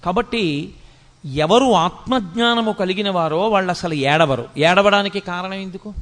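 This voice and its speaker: A man giving a spiritual discourse, chanting verses slowly and scolding in rapid rhetorical questions. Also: high voice, fairly bright tone. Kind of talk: Telugu religious discourse. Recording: long hall reverb.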